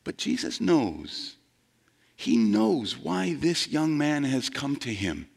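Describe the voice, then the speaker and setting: A male pastor delivering a sermon with a lively, swooping pitch. He talks conversationally, asks the congregation questions, and plays out the quoted voices with big jumps up and down. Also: slow pace, vocal fry, slightly rough.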